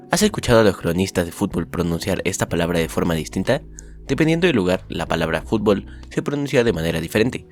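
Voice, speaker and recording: A deep-voiced man from Mexico reads a scripted summary of the day's school lessons. He opens upbeat and then settles into a steady delivery.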